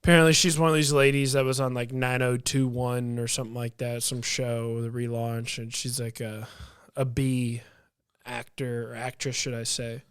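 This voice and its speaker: A man's voice: mid-range voice, little pitch movement, normal speed, smooth. A man co-hosting a casual podcast chat, rambling and restarting his sentences. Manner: rambling, many fillers and restarts. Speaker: podcast co-host.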